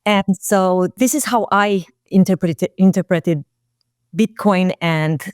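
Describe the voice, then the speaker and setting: A woman in her forties with a lowish voice, recalling her career as a guest in a casual interview. She speaks reflectively, hesitating with fillers and restarts. The recording is dry and close. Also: slow pace, darkish tone, clean tone, no echo. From Romania. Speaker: guest, marketing executive.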